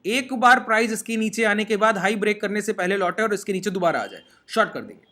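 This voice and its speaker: Over a screen share, a man gives a trading lesson in a high, bright, forceful voice. He's animated and quick, walking through every step and checking in with his listeners often.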